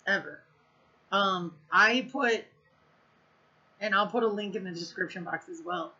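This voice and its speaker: A woman's voice: medium pitch, a little slow, sharp tone, highs cut off. A woman telling a story in a casual vlog, blunt and profane, rambling with lots of fillers. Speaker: vlogger.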